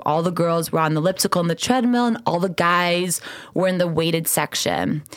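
A woman's voice: lowish voice, no echo, studio quality. A woman in her twenties hosting a podcast, telling stories casually in an enthusiastic, earnest way. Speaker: podcast host and founder.

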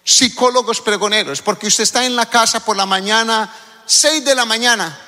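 Male preacher, high voice, lively sermon delivery with calls to the congregation, reverberant hall. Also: normal speed. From Colombia.

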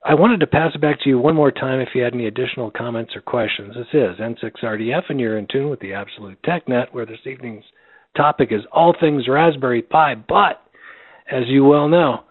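A man acting as net control on a ham radio net, talking in a friendly, halting way with many fillers. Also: medium pitch, breathy edge, dry recording. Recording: dry tinny radio audio.

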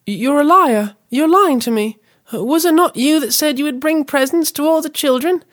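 A woman voicing an outraged young child who fires quick accusations. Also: high voice, lightly acted. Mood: accusing.

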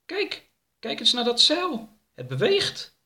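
A man voicing an excitable, anxious male traveler who talks eagerly and pleads in a storybook reading. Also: very high voice, slow, voice pushed up, exaggerated voice. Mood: alarmed.

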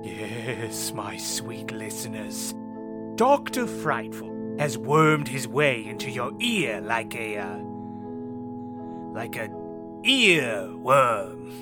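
A man playing a theatrical, mock-sinister male horror radio host who talks in a hammy, drawn-out way. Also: medium pitch, sing-song. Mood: gloating. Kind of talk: campy horror radio drama narration. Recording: music playing under the voice.

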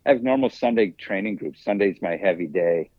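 A man with a low voice, a track coach, recounts his stories in a laid-back, hesitant way. The sound is dull, lo-fi and dry. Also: lively intonation, a little fast, no echo. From United States. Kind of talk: casual interview.

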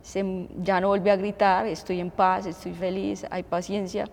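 A woman in her thirties with a Colombian accent, preaching a sermon in an animated way and asking the congregation questions. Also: mid-range voice, moderate pace, vocal fry, big-room sound. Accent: Colombian Spanish. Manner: animated, asks the audience questions, acts out shouting.

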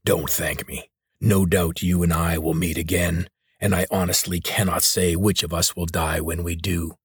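A man voicing a maimed, weary mutant leader who talks in a hoarse rasp. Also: sits low, flat delivery, normal speed, dry recording, clean studio sound, heavily acted. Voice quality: hoarse, rasping.

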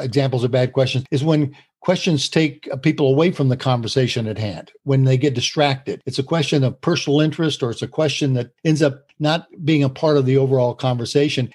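A man's voice: mid-range voice, a little fast, few pauses, darkish tone, slightly rough. A man co-hosting a talk show on communication, explaining points earnestly and laughing easily. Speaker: co-host. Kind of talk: conversational podcast talk on communication.

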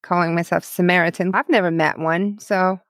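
A young Ukrainian woman, Russian-speaking by birth, is an interview guest earnestly recalling her past in English with a Ukrainian accent and plain non-native phrasing. Her lowish voice is steady and brisk, captured in a dry, studio-quality recording. It's a personal testimony interview.

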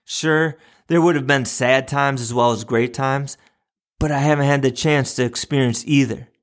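A man voicing an old man who regrets his rushed life, speaking bluntly and plaintively. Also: mid-range voice, steady tone, lightly acted. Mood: regretful.

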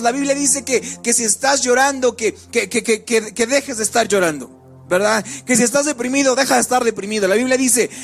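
A man's voice: extremely high pitch, vocal fry, a bit bright. A man preaching a sermon with a sing-song cadence, often repeating words as he goes. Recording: faint music behind.

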